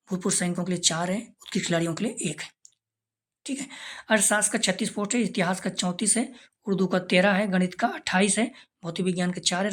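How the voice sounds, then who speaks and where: A woman teaching an exam-prep lesson, reading out figures one after another in a steady way and checking in with her listeners again and again, sometimes dropping to a near whisper on a brief aside. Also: fairly low pitch. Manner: steady listing of figures, frequent "theek hai" check-ins. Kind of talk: informal explainer lecture.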